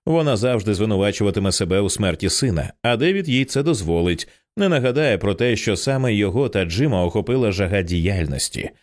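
A man narrating an audiobook in an expressive, tense storytelling style. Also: lowish voice, fast talker, few pauses.

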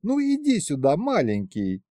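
A doting young wife coos at pets and scolds her husband, played by a man reading an audiobook. Her voice sits high and swoops widely. The sound is close and dry. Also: huge pitch swings, slow, a little mellow, no echo, heavily acted. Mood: cooing. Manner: cooing, scolding.

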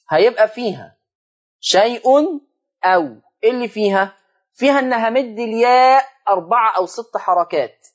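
A man with an Egyptian accent teaching Quran recitation rules on a television lesson, explaining step by step and drawing out words to demonstrate. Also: high voice. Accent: Egyptian Arabic. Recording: dull lo-fi broadcast audio.

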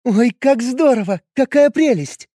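A man voicing an excitable, cheerful young woman who squeals with delight. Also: very high voice, drawn-out words, no room sound, studio quality, pitched above the performer's own voice, exaggerated voice. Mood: gushing delight.

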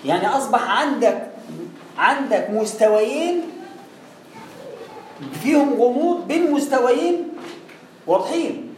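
A man's voice: very high voice, expressive, a little slow, pauses often. A man with an Egyptian accent teaching recitation rules, patiently asking questions and answering them himself, drawing out sounds to demonstrate. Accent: Egyptian Arabic. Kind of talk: explaining tajweed rules. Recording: echoey room, distant mic, faint noise.

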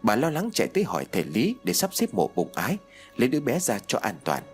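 A man narrating a horror audiobook in an expressive, dramatic storytelling manner. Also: medium pitch, fast talker, slightly rough, faint music behind.

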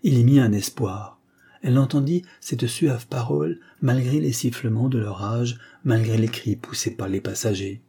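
A man narrates classic fiction as an audiobook, with measured, dramatic pacing. His voice is dark and mellow. It carries a husky edge. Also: medium pitch.

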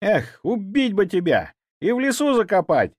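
A man's voice: sits high, sing-song, normal speed, no echo, studio quality, pitched above the performer's own voice. A man voicing a middle-aged aristocratic countess who speaks with furious, imperious contempt. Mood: enraged.

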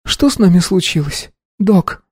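A man's voice: high voice, moderate pace, dark tone, pitched above the performer's own voice. A man voicing a frightened, tearful young woman who is sick and scared.

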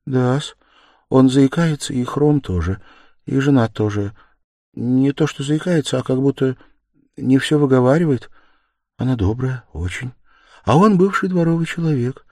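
A meek, timid young woman, voiced by a male audiobook reader, speaks softly and hesitantly, her tone lifted far above his own low register. Her words come in small, unsure pieces that swell into tearful pleading. The recording is dry and close. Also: lively intonation, moderate pace, dry recording, lightly acted. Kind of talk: audiobook character reading.

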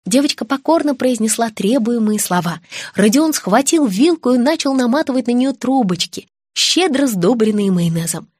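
A woman narrating an audiobook in first person, with lively, ironic storytelling. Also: a little high, normal speed, breathy edge, no room sound, studio quality. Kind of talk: audiobook reading of a comic detective novel.

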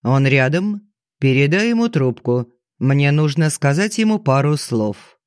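A man's voice: a little high, big pitch swings, measured pace, clean tone, dry recording, studio quality. A man reading a haughty, domineering older banker. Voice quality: curt, haughty, commanding. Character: arrogant older male banker, domineering and explosive.

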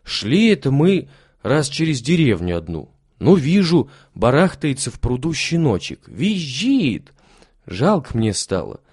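Man voicing a humble old beggar, pious, timid, storybook, animated delivery. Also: mid-range voice, a little slow, slightly rough, dry recording, clean studio sound. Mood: reminiscing. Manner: meek, pious, grateful.

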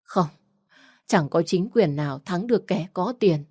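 A woman voicing a poor older village man who shouts curses at a neighbor, then wails and pleads in despair. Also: lowish voice, animated, unhurried, breathy edge, no echo, clean studio sound.

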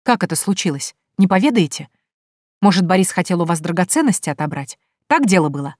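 A steady, low-pitched voice of a young pregnant woman, as a woman narrator gives her. She is calm and firm, cold and measured as the mistress of the house. The audiobook sound is dry and close. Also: no room sound.

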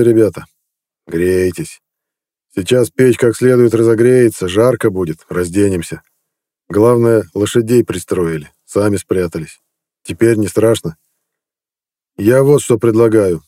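A man doing a gruff, gloomy warrior. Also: lowish voice, mellow, dry recording, studio quality, close to an everyday voice. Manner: gruff, plain-spoken. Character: gloomy, hardy male warrior.

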